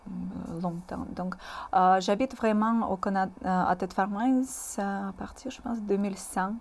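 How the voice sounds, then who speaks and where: Being interviewed casually in a community TV studio, this woman in her thirties from Moscow speaks hesitant, Russian-accented French as her second language, pausing and using lots of fillers. Her mid-range voice is steady, creaky and darkish in tone.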